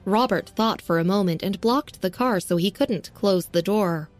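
A woman narrating a serialized audio story in a steady, even reading. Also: medium pitch, moderate pace, faint music behind.

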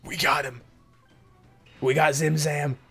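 A young man hosting a mobile game summoning video, talking casually to viewers and yelping with excitement between low muttered comments. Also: slow pace, slightly rough, soft background music. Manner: excitable, jumps into high yelps when hyped, muttering between pulls. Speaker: gaming video host. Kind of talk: casual gacha summon reaction.

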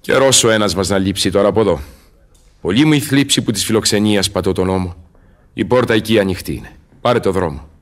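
A man's voice: lowish voice, lightly acted. A man playing Faust, a learned, solemn old scholar, declaiming and musing aloud in verse in a Greek radio drama. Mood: stern, weary.

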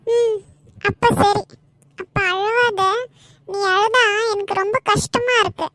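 A woman's voice: very high voice, steady tone, slow pace, pushed and bright, no room sound, clean studio sound, heavily acted. A woman voicing a stubborn young schoolgirl in a cartoon, pleading and whining. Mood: sulky. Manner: pleading and whiny, crying for her father. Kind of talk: cartoon voice acting.

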